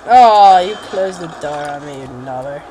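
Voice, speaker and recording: Woman, let's play commentary, jokey, lively swooping voice, noisy background. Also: sits low, measured pace. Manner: chatty, jokey, exclaims and mutters to herself. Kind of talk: casual gameplay commentary.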